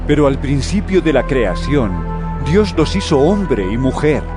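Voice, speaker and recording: An actor playing Jesus in an audio drama, a solemn, authoritative yet gentle male teacher speaking in measured phrases. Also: mid-range voice, sing-song, music in the background. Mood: firm teaching.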